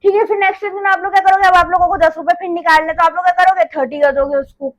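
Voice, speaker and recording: A woman's voice: very high voice, steady tone, very fast, rough recording. A woman teaching a maths lesson in a chatty, casual way, going over each step again and checking in often. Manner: chatty, repeats each step with "theek hai".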